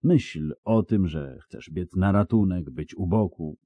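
A man voicing a calm elf sage, speaking in measured, guiding sentences. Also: sits low, no echo, lo-fi sound.

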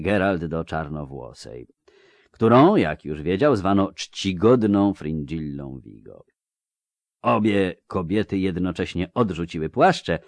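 Slow expressive male audiobook narrator. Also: low voice, dry recording, studio quality. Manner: expressive, measured storytelling. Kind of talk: audiobook reading of a fantasy novel.

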